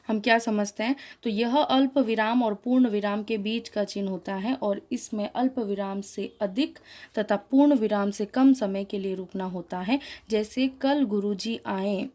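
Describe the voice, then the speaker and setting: A woman teaching a school grammar class, her voice mellow and warm rather than bright. She explains step by step in a clear, deliberate way, pausing on each example and setting right her own small slips. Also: mid-range voice, fairly even intonation.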